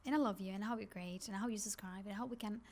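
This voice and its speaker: Rapid-fire and medium in pitch, a woman with a Spanish accent, native to Spain and a Spanish speaker, vlogs to camera. Her talk is a rambling, confiding chat that leans heavily on "like".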